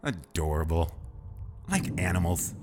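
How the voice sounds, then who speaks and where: A man's voice: sits low, big pitch swings, unhurried. An actor playing a smug captive enemy pilot who taunts and laughs at his captors. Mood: mocking. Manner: sneering, taunting, laughing at others.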